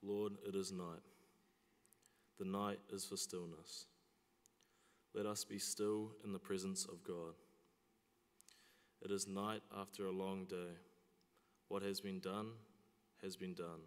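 A low, steady young male voice leads the prayers, keeping an almost unchanging tone. He speaks at a lectern in a large chapel, and a long reverb lingers behind each phrase. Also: slow pace, pauses often, clear, resonant tone. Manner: steady, even recitation. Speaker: student leading prayer. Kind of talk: reciting liturgical prayers. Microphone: lectern mic.

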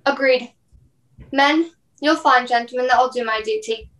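Female ship's captain, acted: high voice, blunt, formal, firm, dutiful radio-play delivery. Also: normal speed, fairly bright tone, rough recording. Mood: stern. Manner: plain-spoken, firm, formal.

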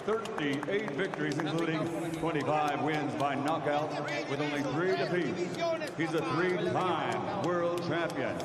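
Male ring announcer, lucha libre showmanship, raised booming voice, long arena reverb. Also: unhurried. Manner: booming showman delivery, drawing out names. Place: boxing ring in a large indoor arena. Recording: echoing arena PA, loud roaring crowd. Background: loud crowd noise.

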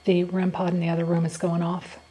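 Mellow-voiced woman questioning spirits. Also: lowish voice, completely flat delivery, fairly quick, poor audio. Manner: polite, short simple questions. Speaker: paranormal investigator asking questions. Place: indoor classroom at night.

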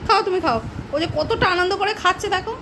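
A woman's voice: very high-pitched, fast talker. A woman at home coaxing her pet dog in sing-song baby talk and laughing, then chatting about its treats. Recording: noisy home recording.

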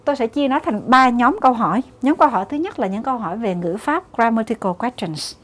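A woman's voice: on the high side, expressive, fast, a bit bright. A woman with a Vietnamese accent working through English exam questions in Vietnamese, explaining each answer step by step. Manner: methodical, mixes English terms into Vietnamese explanations. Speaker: English exam prep teacher.

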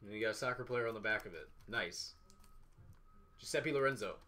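The host of a sports card box-break show, a man in his thirties, announces items one by one in brief, clipped bursts as he unboxes them in a small indoor office. His voice is fairly low, a little fast, and pushed and bright.

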